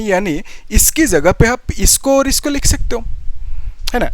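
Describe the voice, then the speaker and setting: A young man walks students through a physics lesson, asking questions and checking in after every step. His voice sits high and swings widely in pitch. The sound is dry and close, with no room echo. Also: a little mellow. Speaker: physics teacher.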